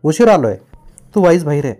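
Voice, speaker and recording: A man's voice: a little high, big pitch swings, brisk, mellow. A man voicing an anxious village companion who asks worried, pleading questions.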